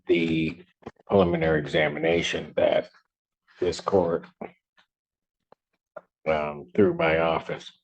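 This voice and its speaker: A very deep, gravelly man's voice presides as judge, picked up by a courtroom recording system. He speaks in a measured, halting way, full of ums and pauses. The sound is muffled, with a faint hiss underneath. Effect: courtroom audio recording. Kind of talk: formal court proceeding.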